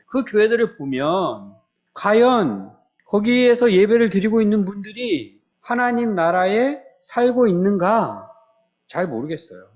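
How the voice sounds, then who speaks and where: A man preaching a sermon in church as pastor, talking conversationally, asking the congregation rhetorical questions and acting out the prayers of believers. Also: high voice.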